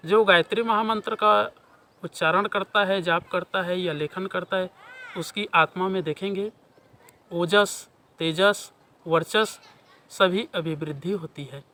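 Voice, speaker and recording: A man delivers a devotional sermon at a slow, deliberate pace. His voice sits high and sounds bright and forceful. He declaims with emphasis and rolls through long lists of reverent titles. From India. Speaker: spiritual speaker. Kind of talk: devotional sermon with mantra chanting.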